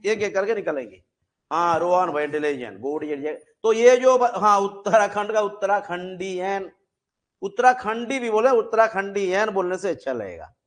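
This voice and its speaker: High-voiced man teaching a grammar class. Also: animated, normal speed. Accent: Indian English. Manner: explains with many examples, checks understanding often.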